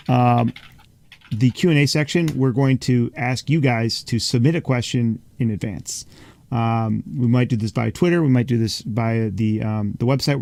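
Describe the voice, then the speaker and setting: Man, podcast host, gravelly, halting with fillers, dry close sound. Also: medium pitch, warm tone, no echo. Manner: halting, many fillers and restarts. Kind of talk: casual podcast sign-off.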